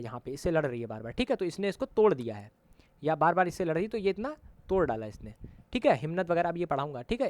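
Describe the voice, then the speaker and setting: A man's voice: fairly high pitch, no echo. Man teaching geography with constant check-ins. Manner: repeats "ठीक है" often as a check-in; corrects himself mid-sentence. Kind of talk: classroom lesson explaining with diagrams.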